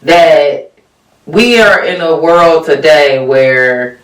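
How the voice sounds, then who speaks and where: A podcast co-host chatting casually, slangy, profane and quick to laugh. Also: medium pitch, distant mic. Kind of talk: casual chat. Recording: roomy sound, mic set back.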